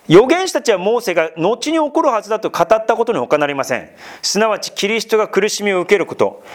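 A man preaching an expository Bible sermon, talking to his listeners with questions and asides. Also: fairly high pitch. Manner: lively, rising and falling delivery with asides to listeners. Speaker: pastor.

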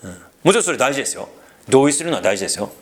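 A man preaching a sermon as pastor, conversational and animated, with frequent fillers and asides to the congregation. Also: mid-range voice, rapid-fire.

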